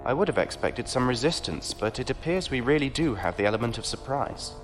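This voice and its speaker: Over music, a man with a mid-range, everyday-sounding voice speaks fairly quickly with lively intonation. He plays a genteel, condescending knight with a ship, speaking in a courtly, patronizing way with dry, wry wit.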